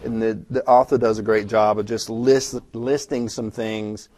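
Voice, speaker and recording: A man talking fast and conversationally as he records a lecture walking through a textbook chapter, with frequent restarts. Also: lowish voice, level tone, darkish tone. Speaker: instructor. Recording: self-recorded lecture audio.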